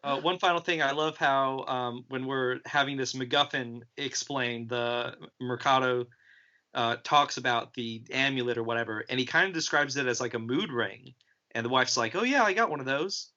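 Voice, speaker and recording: A man on a casual movie podcast, hesitant and full of ums as he works through his thoughts. His voice is bright and forward, and the audio sounds dull and lo-fi. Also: medium pitch, fairly even intonation, moderate pace. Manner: hesitant, many ums and restarts. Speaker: podcast co-host. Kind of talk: casual film review chat.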